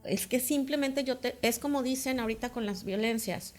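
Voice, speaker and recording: A higher-voiced woman speaks in a measured, explanatory way, like a teacher. She talks through her points carefully in a relaxed conversation. Soft music plays faintly behind her. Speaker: teacher and co-host. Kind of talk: casual conversation on a talk show.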